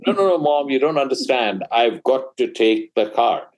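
A man's voice: mid-range voice, animated, moderate pace, voice pushed up, close to an everyday voice. A man voicing an insistent sixteen-year-old boy who pleads in an exasperated way.

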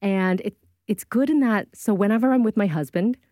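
A woman in her thirties with a mid-range voice, co-hosting a podcast and telling stories with animated energy. She acts out little voices along the way. The sound is dry and close to the mic. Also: medium pitch, brisk, no echo. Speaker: podcast co-host. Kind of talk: casual chat.

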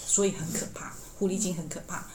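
A woman voicing a naive, fearful young male scholar in a soft, hushed voice, in an echoey room. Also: lowish voice, fairly even intonation, quick pace, a little hiss or hum, voice pushed down, lightly acted. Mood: uneasy.

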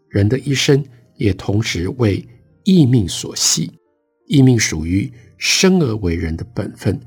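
Husky-voiced man hosting a radio book talk. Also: lowish voice, a little mellow. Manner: measured, explanatory lecturing delivery. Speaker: radio book-program host. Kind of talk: radio book commentary, reading and explaining passages. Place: radio studio.

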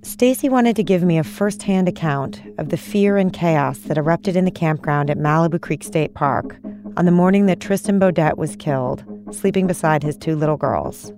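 A woman hosting a podcast, narrating from a script in a measured, calm way. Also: fairly low pitch, music in the background. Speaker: podcast host.

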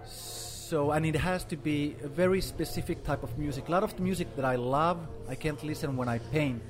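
Over music, a man with a fairly high voice talks at a moderate speed. He is a guest artist in his forties, Finnish by origin and raised in Sweden, and his casual interview speech is full of fillers.

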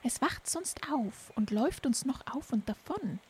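A bossy old mother toad from a storybook, ugly and plotting, who croaks her orders in a shrill, high voice that swoops all over the place. Her fussy delivery sounds a little off-mic, as a woman reading the tale puts her on. She drawls slowly. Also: animated, a little mellow, exaggerated voice. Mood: scheming. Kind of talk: storybook character voice.

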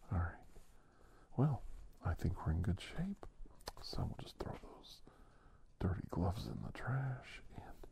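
A man whispering softly in an ASMR massage roleplay, gently narrating each step to a client. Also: sits low, creaky. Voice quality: soft whispering, gentle and chatty.

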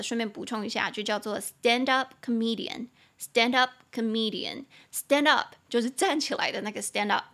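A young woman with a Taiwanese Mandarin accent hosts a casual podcast lesson on English words. Her voice sits a little high and sounds bright and forceful. She spells terms out slowly and drops in chatty asides. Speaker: podcast host teaching English.

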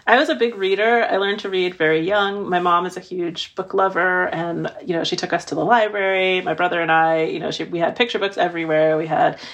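Middle-aged woman author, low and gravelly, thoughtful interview guest, lots of "you know". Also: fairly even intonation, a little fast, hardly any pauses, fairly bright tone, dull audio. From Midwestern United States. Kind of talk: conversational interview.

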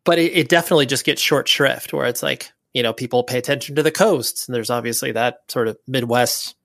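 A man's voice: medium pitch, fairly quick, vocal fry, fairly bright tone, no echo. A man from California hosting a podcast, asking long, articulate questions in casual conversation. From California, USA. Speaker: podcast host. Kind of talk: casual interview chat.

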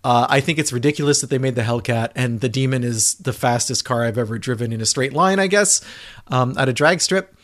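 A man's voice: medium pitch, a little fast, fairly bright tone. A man co-hosting a podcast, talking casually about cars with enthusiasm and frequent restarts. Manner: enthusiastic, rambling with restarts and fillers. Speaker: car reviewer, podcast co-host.

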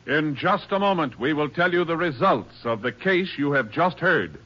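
A male announcer reads in classic 1950s radio style. His voice sits a little high, over loud music. The old recording is dull and muffled. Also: expressive, moderate pace. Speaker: program announcer.

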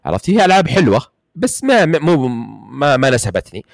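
A man's voice: on the high side, big pitch swings, fast, no room sound, studio quality. A man with a Saudi Gulf accent, chatting casually about games, rambling with many fillers and restarts. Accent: Gulf Arabic, Saudi. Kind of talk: casual gaming chat.

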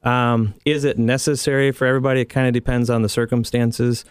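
A man's voice: mid-range voice, level tone, brisk, clean tone, no echo. A man, a regular financial planner on a radio show, explaining things thoughtfully with frequent restarts and dry humor.

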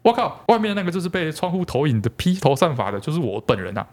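Very low-voiced deadpan Taiwanese woman. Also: fast. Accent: Taiwanese Mandarin. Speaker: podcast co-host. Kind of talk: casual chat, telling a story.

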